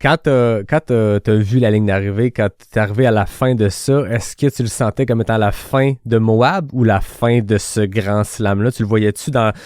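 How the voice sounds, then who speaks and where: A man's voice: fairly low pitch, moderate pace, hardly any pauses, darkish tone, no room sound, clean studio sound. A man with a Quebec French accent hosting a casual interview, asking long, thoughtful, winding questions. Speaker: podcast host.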